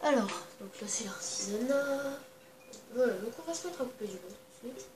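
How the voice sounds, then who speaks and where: Girl mumbling quietly through her game, lots of umms, roomy echo. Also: on the high side, animated, moderate pace, noisy background. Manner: talks quietly, holding her voice down at night; rambling, full of hesitations. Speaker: gaming channel host. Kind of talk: casual let's-play commentary. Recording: echoey room, distant mic, game music behind.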